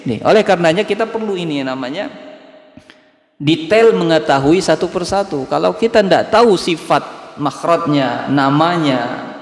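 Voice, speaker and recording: A man teaching Quran recitation at a dawn study circle, explaining slowly and repeating letter sounds to demonstrate them. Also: on the high side, expressive. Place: mosque hall. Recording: echoey mosque hall, long reverb.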